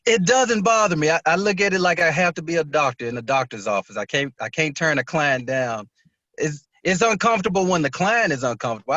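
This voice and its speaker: A male guest comedian in a casual chat, laughing often and trading quick jokes. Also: a little high, sharp tone, dry recording, dull audio. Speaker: guest comedian and massage therapist.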